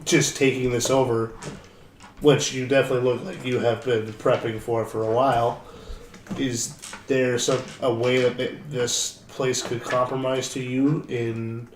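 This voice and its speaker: A man's voice: medium pitch, little pitch movement, a little slow, recorded from a distance. A man playing a tabletop game, talking in long, winding sentences full of fillers. He sits back from the microphone. The room echo is audible around his voice. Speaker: player. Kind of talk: casual tabletop game talk. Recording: echoey, off-mic, faint noise.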